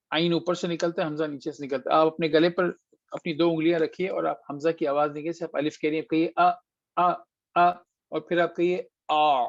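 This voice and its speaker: A man's voice: fairly high pitch, dry recording. A man teaching Quran recitation in an online lesson, patiently explaining step by step, demonstrating sounds and mixing in English phrases, over dull, dry call audio. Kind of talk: online tajweed lesson answering students.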